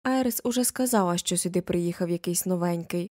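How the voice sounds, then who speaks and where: A woman's voice: lowish voice, fairly quick, darkish tone, dry recording, clean studio sound, close to an everyday voice. A woman voicing an unfriendly teenage village boy who speaks in warnings and ominous hints, in an audiobook. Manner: secretive, warning tone.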